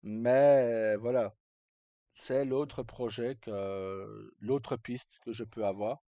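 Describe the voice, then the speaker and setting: A man with a mid-range voice talks slowly and steadily while chatting casually with his live stream audience. He rambles, hesitates, speaks colloquially, and swears at times, all captured on a dull lo-fi mic in an echoey space.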